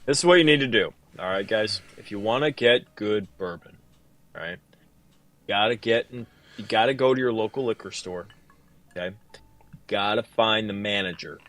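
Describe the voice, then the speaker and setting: A man's voice: fairly low pitch, normal speed, fairly bright tone, dry recording. A man co-hosting a casual podcast chat, swearing freely and repeating himself for emphasis. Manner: profane, rambling, emphatic. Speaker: podcast co-host.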